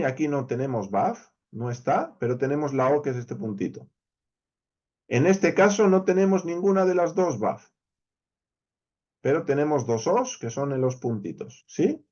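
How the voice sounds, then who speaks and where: A man with a Spain Spanish accent and a medium-pitched, darkish voice teaches a verse-by-verse Hebrew Bible lesson, heard on dull audio. He explains things step by step, counts letters aloud, and checks in often with his listeners.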